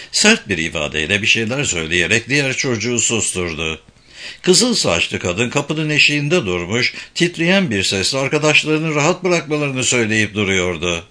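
Animated, bright-voiced male narrator. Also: medium pitch. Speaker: audiobook narrator. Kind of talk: scripted narration.

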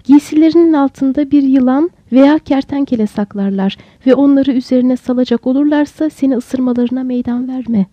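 Woman reading timid servant girl, anxious, high voice, dull recording. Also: moderate pace, hardly any pauses, dry recording. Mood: fearful. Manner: anxious, cautious.

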